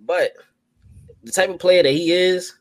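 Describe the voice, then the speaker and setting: A man in his twenties co-hosting a podcast, talking in a slangy, animated way with lots of "yo" and "you know what I'm saying". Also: high-pitched, a little slow, dry recording. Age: 20s. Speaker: podcast co-host. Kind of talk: casual chat.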